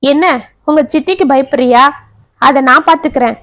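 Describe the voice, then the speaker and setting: A woman's voice: sits high, normal speed, a bit bright, dry recording. A woman storyteller voicing an earnest, devoted young man in a family story. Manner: earnest, pleading.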